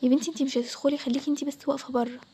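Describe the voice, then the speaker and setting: Daring egyptian boy voiced by a woman, high and quick, confident and coaxing. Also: little pitch movement. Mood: bold. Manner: confident, reassuring, hushed at times. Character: bold young boy Adam, daring treasure hunter.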